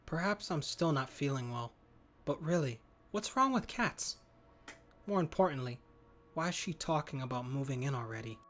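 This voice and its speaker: Reading a horror visual novel aloud in first person, this man sounds earnest, muttering his inner monologue and stumbling over words now and then. His mid-range voice is expressive and a bit bright, moving at normal speed over soft background music.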